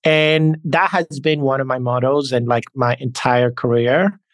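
A man's voice: medium pitch, fairly even intonation, measured pace, no room sound. Earnest man telling stories dry. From Dominican Republic. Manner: earnest, reflective, talks in anecdotes. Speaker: guest. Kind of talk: conversational interview storytelling.

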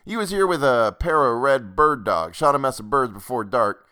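A man's voice: mid-range voice, lively intonation, moderate pace, sharp tone, clear, resonant tone, pitched above the performer's own voice. A man voicing a shrewd, talkative old country innkeeper with a rural American drawl. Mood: jovial. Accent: rural American dialect. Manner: folksy, talkative, nosy. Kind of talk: audiobook character voice.

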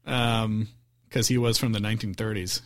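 A man's voice: lowish voice, fairly even intonation, moderate pace, dry recording, studio quality. A man co-hosting a podcast, chatting casually about a movie, giggling often and rambling with restarts. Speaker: podcast co-host.

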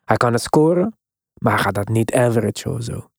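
A man's voice: medium pitch, lively intonation, fairly quick, dry recording, studio quality. A man in a casual, emphatic sports discussion, mixing in English slang as he hosts. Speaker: podcast host.

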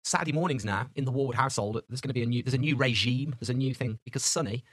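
Male podcast co-host, 30s, slangy and upbeat, rapid delivery. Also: medium pitch, fairly bright tone, no room sound, clean studio sound. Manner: chatty, laughs often, slangy. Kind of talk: casual chat.

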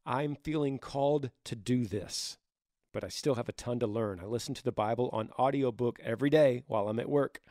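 Raspy, gravelly-voiced man, dry close sound. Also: medium pitch, warm tone, no echo. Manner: earnest, brotherly, careful hedging with restarts. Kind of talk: reading a listener's email and replying with informal advice.

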